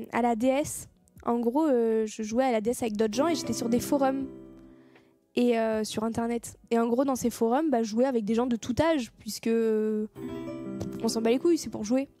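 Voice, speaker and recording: A woman's voice: on the high side, moderate pace, music in the background. A young woman streamer chatting casually with her viewers, swearing freely and thanking them as she goes. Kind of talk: casual live-stream chat.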